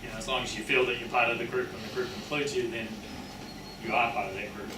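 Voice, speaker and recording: His medium-pitched voice stays level as he speaks at a quick clip, a New Zealander with the easygoing, matey style of a working-class tradesman who rambles and self-corrects. The setting is an informal public lecture on his research and book, with audience questions, in an indoor venue. The recording is echoey, distant-miked and clearly noisy.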